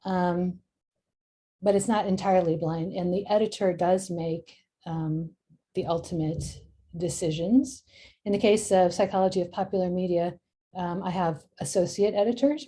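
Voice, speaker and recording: A middle-aged woman, a journal editor, giving a relaxed screen-share tutorial and thinking aloud with frequent ums. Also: lowish voice.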